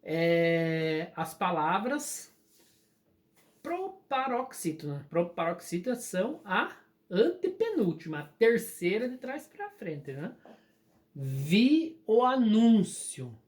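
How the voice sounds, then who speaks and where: A teacher with a Brazilian Portuguese accent, patiently explaining a recorded grammar lesson and slowly drawing out the key words. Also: mid-range voice, big pitch swings.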